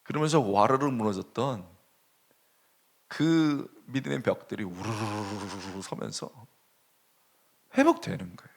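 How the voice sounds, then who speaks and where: A male pastor preaching a sermon, telling a story with animated swings between hushed and raised delivery. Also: on the low side, measured pace, slight background noise. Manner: animated storytelling, dropping to a hush and rising sharply.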